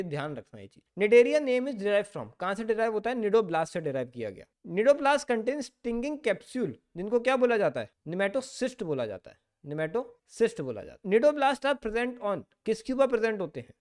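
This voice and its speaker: A male biology teacher giving an exam-prep lecture, asking questions and answering them himself, reading textbook lines slowly and then explaining quickly and playfully. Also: high voice. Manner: asks questions and answers them himself, mixing Hindi with English terms.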